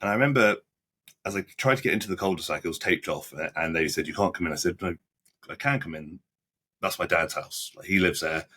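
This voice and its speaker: A young man in his twenties, a podcast guest recounting events in casual interview talk, halting and blunt, often restarting his sentences. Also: low-pitched, bright, forceful tone, a little hiss or hum. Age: 20s. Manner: halting, frequent restarts and repeated words; blunt, plain-spoken with British slang.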